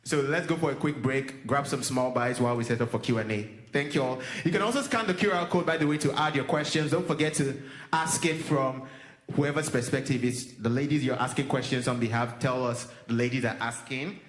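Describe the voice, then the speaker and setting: A man's voice: mid-range voice, fairly quick. A man hosting a church singles event who jokes with the crowd and calls for rounds of applause. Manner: upbeat, joking, calls for applause. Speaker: event host. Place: large hall with an audience. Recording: echoey hall with crowd noise.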